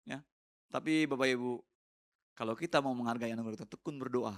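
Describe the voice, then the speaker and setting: A male pastor giving a sermon in a casual, conversational way. He often checks in with the congregation through tag questions and sometimes turns teasing, with laughter and high mocking exclamations. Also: quick pace.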